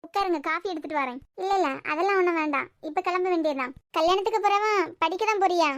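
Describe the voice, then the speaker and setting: A woman's voice: extremely high pitch, fast talker, no room sound, dull audio. A woman with a Kanyakumari Tamil accent voicing emotional cartoon serial dialogue. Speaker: cartoon voice artist.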